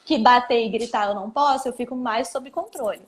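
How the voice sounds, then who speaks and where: High-voiced woman teaching parents. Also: fairly quick, a little hiss or hum. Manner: didactic, acts out parent and child lines. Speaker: ADHD educator answering parents' questions. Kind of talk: live Q&A talk.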